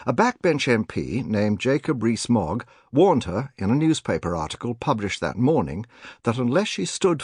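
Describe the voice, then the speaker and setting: A man reading a nonfiction audiobook in a measured, clearly articulated way, recorded on a close studio microphone. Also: mid-range voice, dry recording. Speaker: audiobook narrator.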